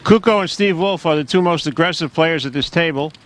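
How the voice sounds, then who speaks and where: A man's voice: on the high side, brisk, a little hiss or hum. A man calling a poker tournament in a wry, joking commentary style.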